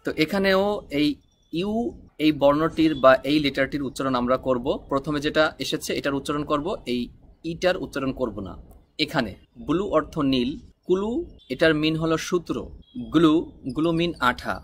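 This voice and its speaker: A man's voice: on the high side, normal speed, a little hiss or hum. A man teaching a spoken English lesson, explaining patiently and spelling words out letter by letter.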